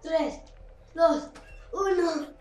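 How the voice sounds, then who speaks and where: Woman, high voice, away from mic, echoey room, casual chat. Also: very slow, a little mellow, distant mic. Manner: chiming in with questions and advice. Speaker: friend watching the game.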